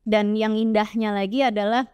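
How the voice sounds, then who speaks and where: A woman musician in a casual interview, telling lively stories and now and then singing a line. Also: medium pitch, normal speed, clear, resonant tone, dry recording. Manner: animated storyteller, breaks into song snippets. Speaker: musician guest.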